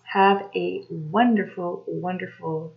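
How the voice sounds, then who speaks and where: A woman talking casually to camera as a tarot reader, unhurried and full of ums and restarts. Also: lowish voice, fairly even intonation, vocal fry, muffled recording. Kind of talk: casual solo talk to camera.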